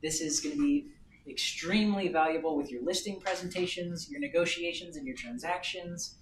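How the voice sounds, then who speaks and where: A woman leading a real estate office meeting, running through announcements at a brisk, upbeat pace. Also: lowish voice. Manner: brisk, upbeat, pleading plugs. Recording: echoey room, distant mic, background noise.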